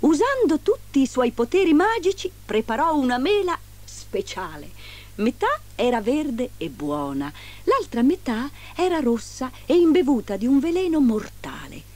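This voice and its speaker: A woman reading a fairy tale aloud in an expressive storytelling manner. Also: high voice, moderate pace.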